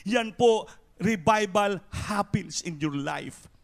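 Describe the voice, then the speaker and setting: A man preaching an impassioned sermon with a Filipino accent, mixing in English phrases and moving from quiet explanation to shouted exhortation. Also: high-pitched, slow, gravelly. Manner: mixes Tagalog and English.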